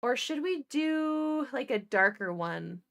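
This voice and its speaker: A woman's voice: high voice, expressive, slow pace, creaky. A woman who used to be an ICU nurse, telling stories in a chatty, profane way while painting miniatures. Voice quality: chatty, profane, laughs often.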